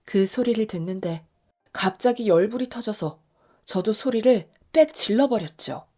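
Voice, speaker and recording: A woman in her fifties narrating a scripted radio story in the first person. Her voice sits at a middling pitch for a woman. She tells it in an emotional, confiding manner. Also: animated, moderate pace, warm tone.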